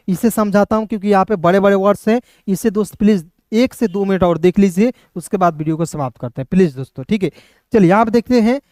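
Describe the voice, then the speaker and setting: A man's voice: high-pitched, a little mellow, clear, resonant tone, no echo, studio quality. A man teaching English pronunciation in an online class, spelling words out letter by letter and checking in with viewers again and again. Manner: spells words letter by letter, repeats answers and asks the viewer to repeat; addresses viewers as friends, frequent check-ins.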